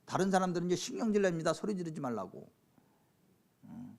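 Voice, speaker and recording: A middle-aged man preaching a sermon as pastor, swinging from hushed talk to sudden shouts and slow, solemn scripture reading. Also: sits high, big pitch swings, gravelly.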